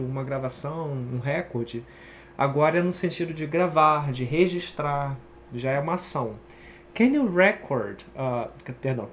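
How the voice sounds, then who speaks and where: Writing on screen while he talks, a man from Brazil teaches English pronunciation online in a relaxed, conversational way. His voice is a little high, and a bit of background noise can be heard.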